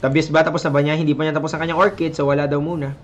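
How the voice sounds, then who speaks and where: A man's voice: fairly high pitch, racing, a little hiss or hum. Filipino man casting a live game. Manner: switches between English and Tagalog, chatty, excitable on big plays. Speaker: esports caster. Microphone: headset mic, stepping back from it.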